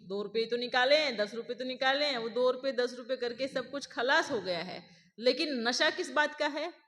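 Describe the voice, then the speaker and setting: A woman delivers a sermon with a bright, forceful tone, firing rhetorical questions at the gathering. Her voice rings out with a long hall reverb. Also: high-pitched, normal speed. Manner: asks the listeners rhetorical questions; acts out others' boastful voices. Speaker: spiritual speaker.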